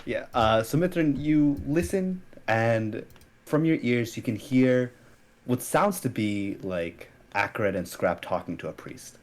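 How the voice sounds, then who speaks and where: A young man narrating as game master of a tabletop game, casual and halting with many fillers. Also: mid-range voice.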